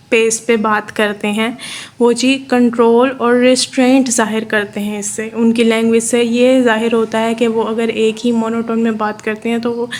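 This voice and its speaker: A woman from Pakistan with a Pakistani accent, giving a steady, explanatory lecture and repeating her points. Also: fairly high pitch. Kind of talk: explaining a lesson in Urdu mixed with English terms.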